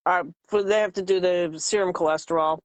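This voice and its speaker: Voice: medium pitch, fairly even intonation, brisk, dry recording. A podcast co-host in casual chat, talking easily while snacking and laughing often.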